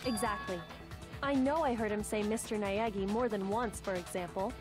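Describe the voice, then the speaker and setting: A woman's voice: medium pitch, normal speed, music in the background, lightly acted. A woman voicing a cool, analytical teenage girl detective in an anime game, composed and probing.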